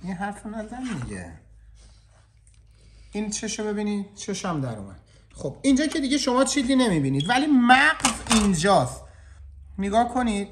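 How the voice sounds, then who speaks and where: A man's voice: high-pitched, sing-song, pauses often, a bit bright, a little hiss or hum. Chatty man cooking on camera. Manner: chatty, joking, talks straight to viewers. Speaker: chef. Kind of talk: casual cooking vlog. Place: indoor kitchen.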